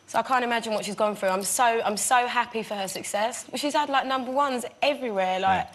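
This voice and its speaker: A woman, a singer chatting as a guest on a talk show, bubbly and quick to laugh, with a cold. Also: a little high, a bit bright. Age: 20s. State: has a cold. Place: TV studio with audience.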